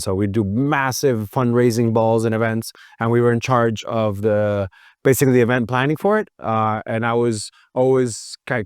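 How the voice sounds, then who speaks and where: A man's voice: medium pitch, clean tone, dry recording, clean studio sound. A man who owns a food boutique, talking casually and at length in an interview, with plenty of fillers. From Miami. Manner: relaxed and talkative, with frequent fillers.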